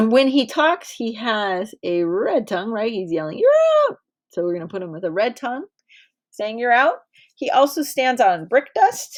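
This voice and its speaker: A woman's voice: medium pitch, a little mellow. A woman teacher in her thirties leading a drawing lesson for small children, patient and encouraging. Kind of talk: directed drawing lesson for young kids.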